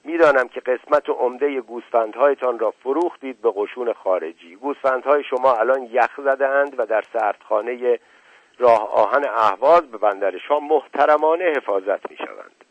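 A man's voice: medium pitch, no room sound, muffled recording, lightly acted. A man voicing a stern, proud middle-aged landowner who speaks with scorn and lectures. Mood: angry.

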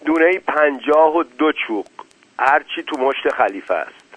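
A man voicing a sharp male gambler who quickly works out the stakes. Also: fairly high pitch, expressive, husky, voice pushed up. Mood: brisk. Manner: brisk, calculating. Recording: tinny phone-like, dry.

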